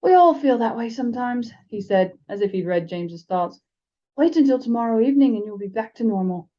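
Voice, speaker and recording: Warm, fairly quick and a little high, her voice has lively intonation despite the lo-fi sound. She's an American fan-podcast co-host and audiobook reader who alternates between reading stories aloud and casual book talk.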